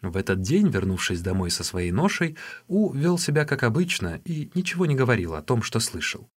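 A man's voice: mid-range voice, big pitch swings, a little fast, husky. A man reading an audiobook aloud, telling the story expressively. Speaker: narrator.

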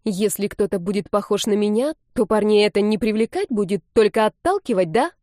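A hot-tempered young female student, snapping and hissing her words, as a woman reads her aloud. The voice is warm and mellow, recorded close and dry. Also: mid-range voice, brisk, dry recording, lightly acted. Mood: angry. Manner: angry, hissing. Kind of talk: audiobook reading.

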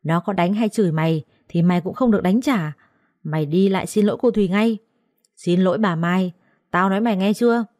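A woman voicing a harsh middle-aged mistress who shouts and scolds her servant girl. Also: medium pitch, a little fast, dry recording, studio quality, lightly acted. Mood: furious scolding.

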